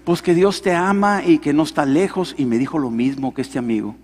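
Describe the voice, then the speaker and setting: A man's voice: a little high, brisk, a little mellow. A middle-aged Mexican man, a pastor, telling his story in a sermon and acting out the dialogue. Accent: Mexican Spanish. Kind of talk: sermon testimony. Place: large hall at a men's conference. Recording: echoing hall reverb.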